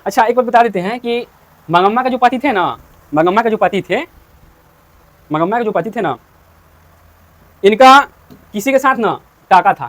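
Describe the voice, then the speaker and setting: A man's voice: sits high, a bit bright. A man teaching a story to students, asking and answering his own questions and repeating points.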